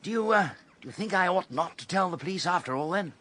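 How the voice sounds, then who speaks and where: A flustered, breathy young toff. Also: male voice, high-pitched, animated, fast, bright, forceful tone, exaggerated voice. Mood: relieved. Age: young adult. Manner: jittery, gushing, upper-class chatter. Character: flustered, excitable young gentleman. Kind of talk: 1920s radio drama acting.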